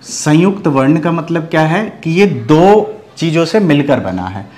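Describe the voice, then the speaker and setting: A man from Bihar teaches an online grammar lesson, his voice sitting a little high for a man. He walks through each point methodically, posing rhetorical questions and checking in with a frequent "okay". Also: lively intonation, unhurried, darkish tone. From Bihar, India. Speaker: Hindi teacher.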